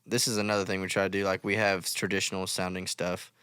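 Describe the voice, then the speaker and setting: A low-pitched man talks through his songwriting approach. His voice is very smooth and resonant, with a bright edge. He speaks casually and thoughtfully, in a dry, close recording. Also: level tone, fast, no echo. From West Texas. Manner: thoughtful, explains with many "like"s. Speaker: guest musician. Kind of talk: casual interview chat.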